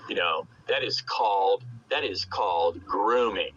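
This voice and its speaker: A man's voice: deep voice, a little slow, a bit bright, slightly rough. A man chatting casually over CB radio, opinionated and emphatic, rambling along with coarse swearing. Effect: CB radio transmission. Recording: muffled noisy CB radio transmission.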